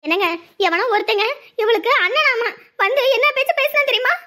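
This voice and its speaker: A woman's voice: very high voice, expressive, brisk, sharp tone. A woman in a scripted family drama, pleading and fearful as a wife and mother, with a Tamil accent.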